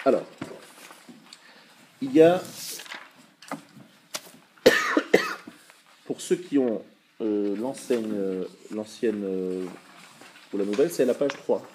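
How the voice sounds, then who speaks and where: A man's voice: fairly low pitch, expressive, noisy background. Patient man teaching a live class. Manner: patient, explanatory, checks with the class; sounds out words slowly to demonstrate. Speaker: religious teacher.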